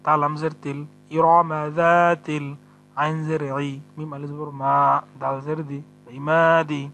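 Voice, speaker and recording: Bright-voiced man teaching Quran reading. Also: fairly high pitch, level tone, creaky, soft background music. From Bangladesh. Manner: spells out letters and vowel marks, then chants verses slowly. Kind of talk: step-by-step recitation lesson.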